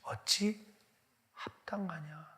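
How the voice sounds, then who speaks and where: A man preaching a sermon, voicing God as he slowly asks a prophet why he is angry. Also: sits high, fairly bright tone, pitched above the performer's own voice, full character voice. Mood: stern rebuke. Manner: slow, measured rhetorical questions.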